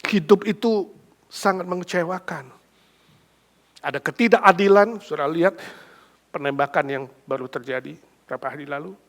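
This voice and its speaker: A middle-aged male pastor preaching a sermon, swinging dramatically between a hushed voice and loud emphasis. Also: a little high, normal speed, pauses often.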